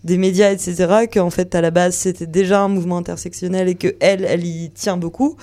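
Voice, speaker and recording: A woman's voice: fairly low pitch, little pitch movement, quick pace, dark tone. A woman giving a casual book recommendation on a radio show, chatty and loose, with frequent hesitations. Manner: chatty, many fillers and restarts, laughs easily.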